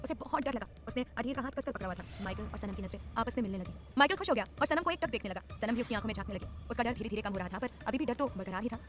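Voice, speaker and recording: A woman narrating a dramatized audio story in a brisk, expressive way. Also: fairly high pitch.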